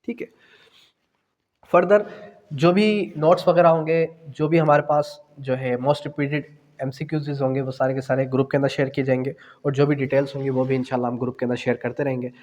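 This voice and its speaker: At a medium pitch, level in tone, fairly quick and a little mellow, a man with a Pakistani accent tutors students for a law exam. He explains by putting questions and answering them, mixing in English phrases, and the recording has a long, hall-like reverb.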